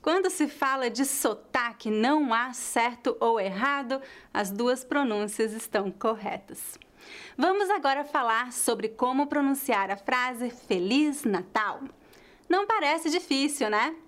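A slow, careful woman teacher from Northeast Brazil, with a mixed Brazilian Portuguese accent that leans toward São Paulo. She has a fairly high voice and walks through each pronunciation point deliberately, repeating the example words. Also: expressive, a bit bright. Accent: mixed Brazilian Portuguese, closest to São Paulo. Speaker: language teacher. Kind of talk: pronunciation lesson.

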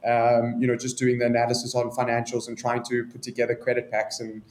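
A man from South Africa with a South African accent, answering interview questions in a measured, businesslike way. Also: mid-range voice, completely flat delivery, darkish tone, reverberant. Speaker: guest, business expert.

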